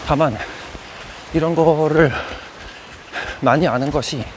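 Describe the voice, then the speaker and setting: A man's voice: fairly high pitch, takes it slowly, a little hiss or hum. A man talking to his running vlog as he runs, speaking in short, broken phrases. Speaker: running vlogger. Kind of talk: casual vlog monologue while running. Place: outdoors, on a run.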